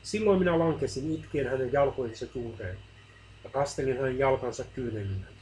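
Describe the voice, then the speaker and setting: A man's voice: mid-range voice, a little mellow, a little hiss or hum, low-quality recording. Earnest male reader of a devotional book. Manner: earnest and measured.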